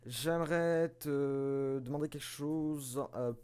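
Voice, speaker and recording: Man reading as an old male professor, halting. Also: medium pitch, darkish tone, clear, resonant tone, lightly acted. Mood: earnest. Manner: halting reading with many fillers. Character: elderly male Pokémon professor, inventor.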